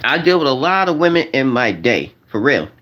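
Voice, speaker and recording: Man, forties, vlogger; loose slangy monologue, repeats himself, lively pitch. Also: fairly quick, lo-fi sound. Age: 40s. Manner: repetitive, restarts and repeats phrases; slangy, addresses viewers as y'all. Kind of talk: rambling casual monologue to viewers.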